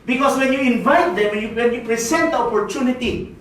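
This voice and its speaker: A man's voice: very high voice, quick pace, a bit bright, heavy reverb. Filipino guy giving a seminar, playful and jokey, faint hiss, sounds far from the mic. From Philippines. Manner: playful, asks the audience "no?" often, laughs. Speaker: network marketing speaker. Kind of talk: motivational seminar talk.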